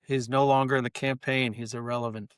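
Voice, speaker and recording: A man's voice: mid-range voice, little pitch movement, a little fast, clean tone, dry recording. A man who is a guest on a podcast, chatting casually with wry, self-deprecating humor. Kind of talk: casual interview chat.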